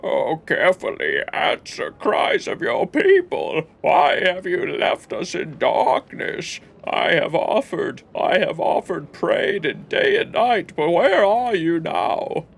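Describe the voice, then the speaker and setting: A despairing priest in a video game, bitter at the god who left him. The voice is slow and gravelly, swinging widely in pitch as he laments with theatrical anguish. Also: huge pitch swings, heavily acted. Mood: anguished pleading. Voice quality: husky, gravelly. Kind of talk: dramatic video game voice acting.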